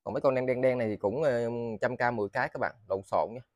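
A man with a southern Vietnamese accent talks through goods for sale in a casual vlog style. His mid-pitched voice wanders along haltingly, doubling back to repeat words. The sound is close and dry. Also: darkish tone, no echo. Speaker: seller of used motors and machine parts. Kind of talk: casual, rambling sales vlog. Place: indoors in a cluttered tiled storeroom.

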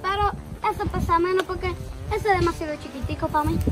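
Skip. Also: female voice, very high voice, fast. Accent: Dominican Spanish. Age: child.

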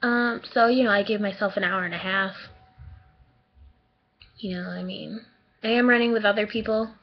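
A young woman vlogging casually, chatty and excitable, rambling with lots of fillers and restarts. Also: medium pitch, normal speed. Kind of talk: casual late-night video diary. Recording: muffled lo-fi home recording.

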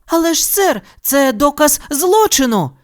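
A woman voicing a brave, stubborn young female rabbit police officer in a storybook reading, speaking in a high, insistent way. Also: very animated, measured pace, a little mellow. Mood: flustered.

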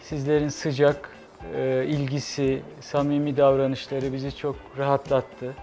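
A man in his sixties, a cafe owner guest, speaking in a measured, hesitant way with many pauses. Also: mid-range voice, monotone, mellow, soft background music. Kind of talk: studio interview. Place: TV studio kitchen set.

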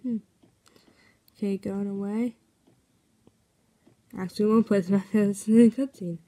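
A woman gives relaxed, slow-paced commentary over her own gameplay. She reads in-game notes aloud and reacts out loud as she plays. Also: medium pitch. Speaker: game video maker.

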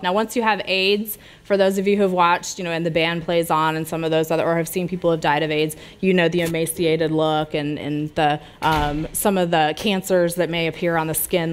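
There's slight background noise as a middle-aged woman from the United States answers audience questions during an informal public health talk in a small lounge with brick walls. Her lowish voice is flat and fairly quick, with hardly any pauses, and she gestures freely as she chats.

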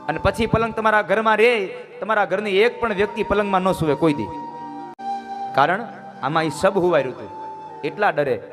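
High-voiced preacher, music behind. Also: male voice. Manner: rhetorical questions, earnest and insistent. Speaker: katha preacher. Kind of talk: devotional sermon with sung verses.

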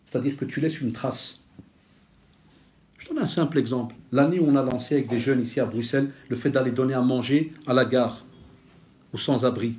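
A man giving a lecture-style sermon, telling stories in a lively way and sprinkling in Arabic phrases. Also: mid-range voice, a little fast. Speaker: preacher and teacher.

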